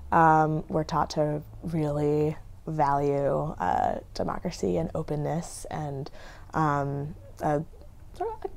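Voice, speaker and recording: A woman giving a documentary interview, speaking thoughtfully and haltingly with many pauses. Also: deep voice, vocal fry, darkish tone.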